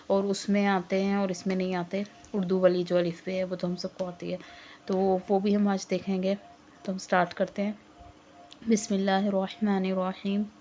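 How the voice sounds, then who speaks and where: A woman teaches Arabic letters in an online lesson. She repeats each sound slowly and patiently in a flat, level voice. A faint hiss of noise sits behind her. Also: mid-range voice. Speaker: Quran teacher.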